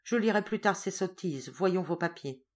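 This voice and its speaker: A woman reads the part of an irascible aging rich father in a storybook, loud and indignant in his outbursts. Her voice sits a little low for a woman and stays close to her narrating tone. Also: animated, moderate pace.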